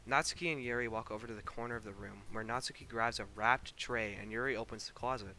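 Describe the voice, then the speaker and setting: A man's voice: mid-range voice, fast talker, bright, forceful tone, a little hiss or hum. A young man streaming, casually reading game narration aloud, easygoing and laughing between lines. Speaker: streamer narrating a visual novel.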